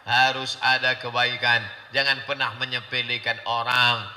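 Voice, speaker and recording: A man preaching a lively sermon, joking and acting out anecdotes. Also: moderate pace. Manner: jokey storytelling, jumps into high voices for quoted people. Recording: long hall reverb.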